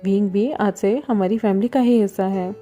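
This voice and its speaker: A woman's voice: mid-range voice, steady tone, moderate pace, mellow, soft background music, close to an everyday voice. A woman voicing a stern but kind uncle who speaks firmly and reprovingly, in a storybook reading. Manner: firm, reproving.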